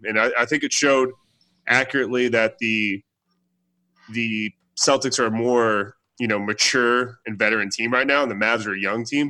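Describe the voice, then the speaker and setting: A man's voice: fairly low pitch, sharp tone. A man co-hosting a casual basketball podcast in an easygoing way, laughing often. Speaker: podcast co-host. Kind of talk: casual sports chat.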